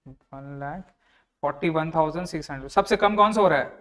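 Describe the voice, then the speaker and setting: A man's voice: on the high side, fairly quick, a bit bright. A young male tutor, giving an online lecture that works through a problem step by step, talking conversationally and repeating each figure. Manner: conversational, addresses students as "sir", repeats figures. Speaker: tax tutor.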